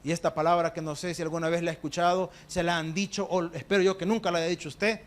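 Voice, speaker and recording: A Salvadoran pastor preaching to his congregation, his voice pitched high. He tells stories and acts out the people in them, dropping to a hush and then rising loud, and he keeps calling his listeners brothers. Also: flat delivery, fast talker. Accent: Salvadoran Spanish. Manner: storytelling with acted quotes, dramatic swings between hushed and loud. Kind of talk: sermon.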